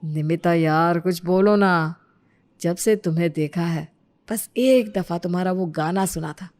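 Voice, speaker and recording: A woman's voice: on the low side, unhurried, a little mellow, voice pushed down, natural voice. A woman voicing an impatient young husband in a cartoon story, coaxing at times and exasperated at others. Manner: exasperated, complaining.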